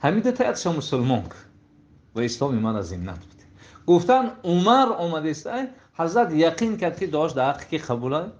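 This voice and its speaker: A man giving a sermon and retelling stories, his voice rising to emotional peaks and falling to hushed passages. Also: fairly high pitch, very animated. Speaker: preacher. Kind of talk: sermon storytelling. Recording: dull lo-fi recording with faint noise.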